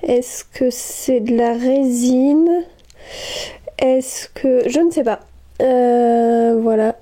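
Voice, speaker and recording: Speaking extremely slowly in a fairly high, dark-toned voice, a woman vlogs from home about her knitting. The talk is casual chat, hesitant and gushing, packed with fillers and restarts.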